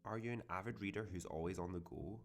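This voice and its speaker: A man's voice: deep voice, quick pace. A man voicing a sultry male ad announcer in an exaggerated sexy voice. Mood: seductive. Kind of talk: mock advert read. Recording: music bed underneath.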